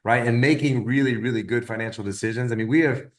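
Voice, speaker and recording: A man in his fifties giving casual motivational coaching, rambling and often repeating words as he tells lively stories. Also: medium pitch, quick pace. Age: 50s. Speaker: wellness business coach.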